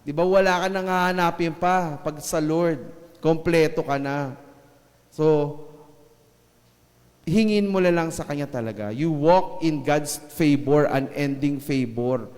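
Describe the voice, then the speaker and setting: A man giving a casual, joking sermon in mixed Filipino and English. He slows down and stresses the scripture lines. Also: a little high, darkish tone, in a large hall. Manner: joking asides with laughs, then slow emphatic scripture lines. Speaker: preacher.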